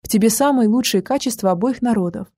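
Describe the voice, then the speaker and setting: A woman voicing a grieving mother who pleads softly and earnestly with her grown son, in an audiobook. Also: fairly high pitch, quick pace, dry recording, natural voice. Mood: pleading.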